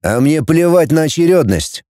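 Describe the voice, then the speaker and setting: A man's voice: a little high, animated, normal speed, mellow, no echo, studio quality, voice pushed up, natural voice. A man voicing a cold, haughty middle-aged male professor who speaks in an icy, superior, formal way.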